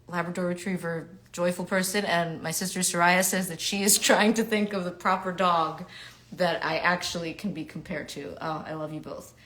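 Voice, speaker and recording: At home in front of a webcam mic, a New York actor in her thirties signs autographs for livestream fans. She's chatty and upbeat with a slightly low voice, her talk sinking into soft murmurs whenever she writes.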